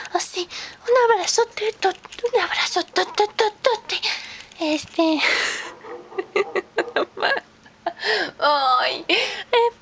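A young woman fandubber doing a cute voice meme, talking in an exaggerated high, giggly and bashful way. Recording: music playing loudly underneath.

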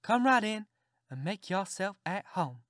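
A woman voicing Aunt Sally, a fussy, sharp-tongued Southern farm aunt who scolds and exclaims. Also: mid-range voice, lively intonation, measured pace, no echo, clean studio sound, pitched above the performer's own voice, lightly acted. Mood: welcoming.

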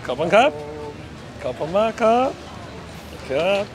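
At an outdoor night market, a man with a high-pitched, very animated voice vlogs about street food at a slow pace, chatty and enthusiastic and calling viewers "guys." He speaks over music into a camera held at arm's length, with faint market noise around him.

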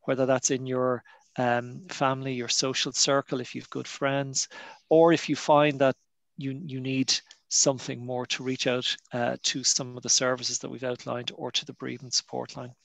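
Irish man, gentle, hesitant, online panel talk, dry sound. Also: medium pitch, little pitch movement, normal speed, vocal fry, no echo. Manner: gentle, hesitant, many fillers. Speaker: bereavement panelist. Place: home, video call.

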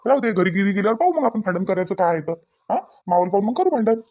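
A man voicing a young village husband and son-in-law in a cartoon, with a Varhadi Marathi accent, pleading for calm. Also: high-pitched, rapid-fire, no echo, highs cut off, exaggerated voice. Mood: placating. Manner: pleading, placating.

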